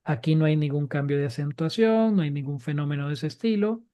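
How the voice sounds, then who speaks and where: A man's voice: on the high side, a little fast, mellow. A man teaching a live Biblical Hebrew grammar class, explaining patiently and repeating each key point.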